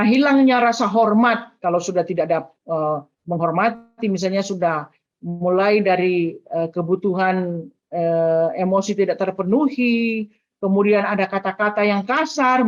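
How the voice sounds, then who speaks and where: A woman's voice: medium pitch, moderate pace. Older woman giving earnest family advice. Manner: earnest, advising, with frequent "nah" and "eh" fillers. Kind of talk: teaching talk on family life. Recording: dull lo-fi sound.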